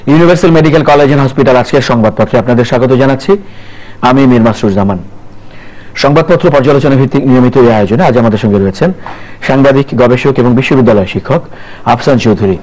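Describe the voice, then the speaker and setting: A man's voice: mid-range voice, fast talker, a little mellow, rough recording. A man hosting a TV newspaper review show, introducing a guest in a formal broadcast manner with occasional brief fillers. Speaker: TV news review host.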